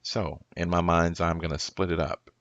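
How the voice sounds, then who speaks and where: A man, a pastor, walking through an audio recording tutorial in a slow, deliberate way, thinking aloud step by step. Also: low-pitched, little pitch movement, fairly bright tone, no echo, lo-fi sound.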